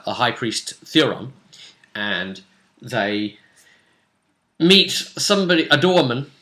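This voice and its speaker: Here a man's medium, sharp voice carries a relaxed, chatty recap of a tabletop roleplay session. As game master, he narrates it like a story and briefly voices characters' lines.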